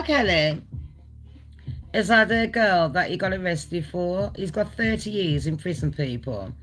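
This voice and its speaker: A woman hosting a live celebrity gossip stream, casual, blunt and sweary, talking straight to her viewers. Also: on the low side. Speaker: gossip channel host.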